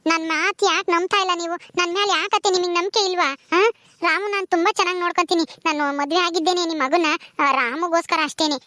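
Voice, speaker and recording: A woman voicing a gentle young wife who pleads earnestly with her mother-in-law. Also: very high-pitched, no room sound.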